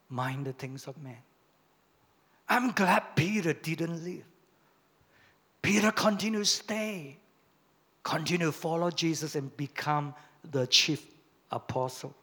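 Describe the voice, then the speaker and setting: A man preaches a sermon in a fairly high, bright voice. He speaks slowly and deliberately, pressing hard on key phrases before dropping to quiet, low asides. His delivery is emphatic and dramatic throughout. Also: slightly rough. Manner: preaching with big swings of volume and emphasis. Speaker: pastor.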